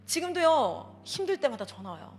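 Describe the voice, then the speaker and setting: A woman's voice: high voice, moderate pace. A woman missionary giving a church parenting seminar talk, telling stories in an emphatic, exclamatory way. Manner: emphatic, animated storytelling with frequent exclamations. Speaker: missionary speaker.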